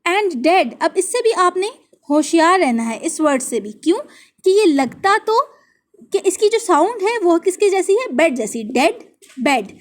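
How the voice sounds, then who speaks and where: A woman teaching English spelling, who slowly repeats each word and spells it out letter by letter. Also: very high voice, big pitch swings. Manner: reads English verse lines slowly and deliberately. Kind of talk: classroom lesson explaining English spelling in Hindi.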